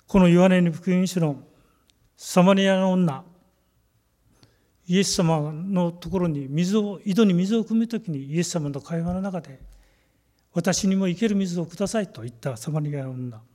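Man preaching a measured sermon. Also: high-pitched, warm tone. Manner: measured, emphatic preaching with slow stressed phrases. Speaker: pastor.

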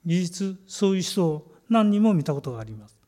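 Man preaching a measured sermon. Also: sits high, very animated, warm tone. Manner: measured, emphatic preaching with slow stressed phrases. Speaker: pastor.

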